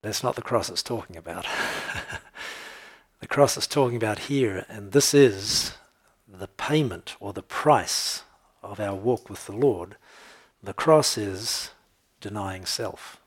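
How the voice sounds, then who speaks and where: A man's voice: on the low side, a little slow, slightly rough. A man preaching a conversational sermon, telling jokes and checking in with his listeners as he goes. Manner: conversational, tells jokes and laughs, checks in with "okay?". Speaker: pastor.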